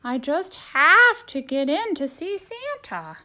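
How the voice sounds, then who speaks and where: A woman voicing a squeaky, anxious turkey. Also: very animated, slow, pushed and bright, full character voice. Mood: pleading. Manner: squeaky, pleading, gobbling exclamations. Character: anxious male turkey, desperate and plucky.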